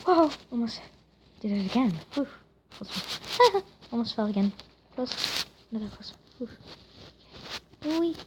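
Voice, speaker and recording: An excitable woman talks through a platform game in a casual, unhurried way. Her pitch leaps high and low as she exclaims at each jump. Steady noise sits behind her voice. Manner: excitable, exclaims and repeats phrases. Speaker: gaming channel host.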